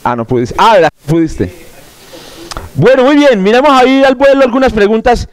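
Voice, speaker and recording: A man's voice: extremely high pitch, lively intonation, moderate pace, clean tone. A man teaching an astronomy course, running through quiz questions in a classroom with jokes, asides and stammered restarts. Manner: joking, digressive, with stammered restarts.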